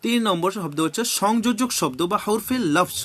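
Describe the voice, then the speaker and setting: Bengali accent guy teaching a class, kinda high voice, spelling words out slow syllable by syllable. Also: expressive, a bit bright. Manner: slow, deliberate letter-by-letter spelling drills.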